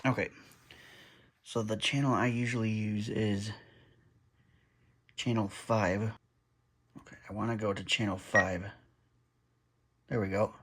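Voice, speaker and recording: Holding a phone camera, a man unpacks and sets up a radio for his hobby vlog, talking casually and muttering as he goes. He has a lowish, fairly even voice, slightly slow and a bit bright, pausing often.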